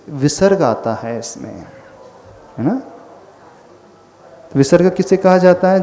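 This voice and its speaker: A man's voice: a little high, warm tone. A man teaching the pronunciation of Sanskrit verses, patiently asking his listeners questions as he goes. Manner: slow, patient teacher who quizzes listeners. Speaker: Jain monk teaching recitation. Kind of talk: pronunciation lesson.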